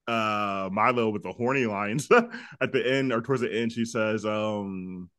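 A man's voice: lowish voice, measured pace, no room sound, studio quality. A man co-hosting a casual album-review chat, laughing often and dropping his voice to quote lyrics. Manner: laughs often, filler-heavy, drops quieter to quote lyrics. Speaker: podcast co-host.

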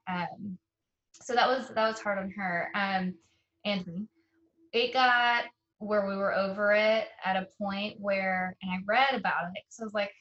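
A young woman, an interview guest, tells a personal story in a casual, earnest way, halting often with fillers and restarts. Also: medium pitch, fairly bright tone, lo-fi sound. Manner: emotional and earnest.

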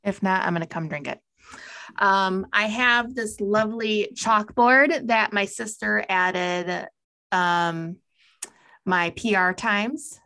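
A woman's voice: medium pitch, slow pace, bright, forceful tone. A woman co-hosting a podcast, chatting playfully and laughing often from her home office. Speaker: podcast co-host. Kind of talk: casual chat.

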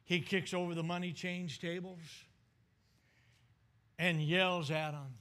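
A male pastor preaching a sermon with dramatic swings between loud bursts and hushed asides. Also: high voice, steady tone, slow pace.

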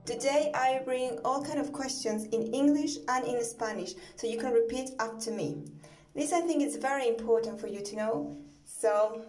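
A woman hosting a podcast lesson, reading out phrases in two languages and repeating each one slowly for listeners to copy. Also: on the high side, a little mellow. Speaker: language teacher and podcast host. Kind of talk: slow bilingual vocabulary lesson.

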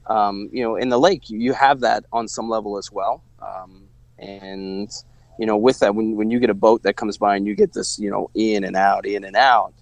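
A man's voice: on the low side, steady tone, moderate pace, gravelly, no room sound. A man from Missouri speaking as an interview guest, reflective and rambling with many fillers and restarts. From Missouri, USA. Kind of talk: casual faith-based conversation.

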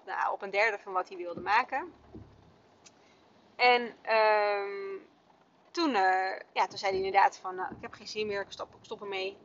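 A woman's voice: medium pitch, a bit bright. A woman in her thirties hosting a parenting podcast, telling a story in a chatty way with many fillers. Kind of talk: casual spoken podcast monologue. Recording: dull, dry lo-fi sound.

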